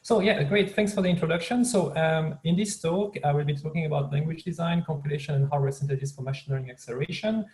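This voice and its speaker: A man's voice: fairly high pitch, fast, few pauses, darkish tone, poor audio. French-speaking Swiss man, guest professor, upbeat presenter over a video call. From Switzerland. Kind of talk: online lecture.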